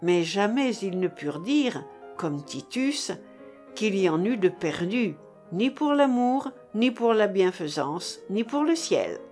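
Woman audiobook reader, classic novel, slow measured delivery. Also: mid-range voice, sing-song, darkish tone, soft background music.

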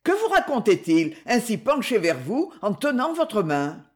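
A woman's voice: fairly high pitch, very animated, measured pace, a little mellow, pitched above the performer's own voice. A haughty, acid-tongued stepmother lashes out in a raised, piercing voice, as a woman reader puts her on. Her lines rise and fall sharply. She is plainly scornful and commanding. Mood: furious. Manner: acerbe, haughty, scolding. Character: sharp arrogant middle-aged stepmother, scolding. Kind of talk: audiobook reading.

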